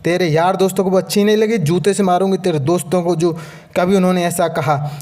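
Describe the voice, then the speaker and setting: A sharp-tongued older mother-in-law, read by a man with a high voice, scolding and taunting her household. She is read plainly as part of a storybook telling. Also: steady tone, a little fast, natural voice. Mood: angry, protective. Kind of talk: storybook narration.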